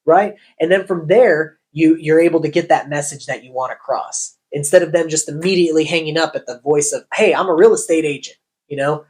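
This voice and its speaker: A man's voice: brisk, hardly any pauses, darkish tone. A man, a real estate agent, giving sales training on cold calling and acting out call lines as he explains. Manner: acts out call lines with shifting pitch.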